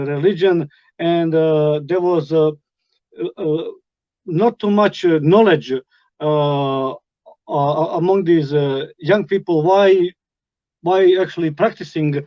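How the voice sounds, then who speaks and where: A middle-aged man from Bosnia with a Bosnian accent, telling his life story as a guest, halting with many fillers and restarts. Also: fairly high pitch, dry recording, muffled recording. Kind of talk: personal testimony.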